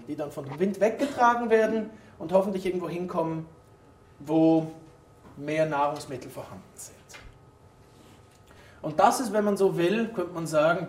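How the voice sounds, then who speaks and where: A former molecular biologist and native German speaker gives an informal, explanatory conference talk, addressing his audience directly. His voice sits high over slight background noise. A distant microphone in the hall captures a roomy echo.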